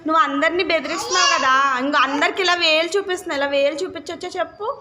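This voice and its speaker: A young mother with a high voice coaxes and gently scolds her toddler at home, asking him question after question in a sing-song way. She is recorded on a phone, and noise is clearly heard behind her. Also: racing.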